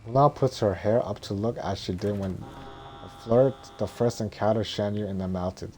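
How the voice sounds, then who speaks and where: A man with a low, mellow voice reads out a film script in a droning monotone. He is halting and trips over words, with faint noise in the background.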